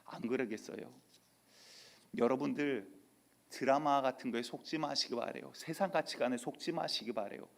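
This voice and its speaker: Pastor guy preaching in church, tells stories, does the voices of people he quotes, normal pitch. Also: moderate pace, vocal fry. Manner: lively storytelling with acted-out quotes. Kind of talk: sermon.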